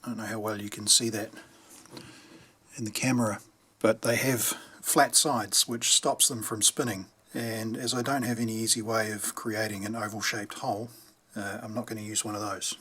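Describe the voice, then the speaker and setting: In a how-to video, a New Zealand man who repairs radios as a hobby talks through the job unscripted, thinking aloud as he goes. His voice is on the low side, husky, and sharp, with a level tone and normal speed.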